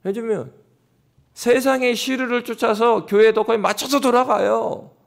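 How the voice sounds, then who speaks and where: Animated gravelly Korean preacher man. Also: on the high side, moderate pace. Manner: animated preaching, acts out scoffing voices. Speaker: pastor. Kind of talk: sermon. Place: church sanctuary.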